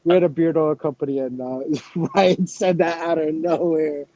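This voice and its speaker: A man's voice: on the high side, steady tone, normal speed, warm tone, lo-fi sound. A man hosting a podcast, joking and laughing in casual chat. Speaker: podcast host.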